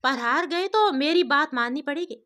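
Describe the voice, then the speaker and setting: A woman's voice: high-pitched, expressive, normal speed, sharp tone. A woman voicing a firm, worried older mother who presses her son to listen. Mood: pressing. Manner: firm, persuading.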